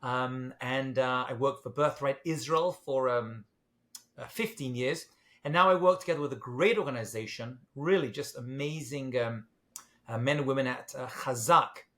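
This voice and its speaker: A middle-aged rabbi from London, England, speaks with a British accent as a guest in a casual interview. He's self-deprecating and joking, uses lots of fillers, and talks at normal speed in a medium-pitched, fairly bright voice.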